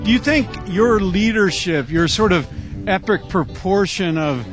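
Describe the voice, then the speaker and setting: A man's voice: high-pitched, expressive, unhurried, music in the background. A man interviewing and commentating at an outdoor event, speaking in effusive, wordy, formal phrases. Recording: noisy outdoor recording with crowd. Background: crowd and outdoor noise.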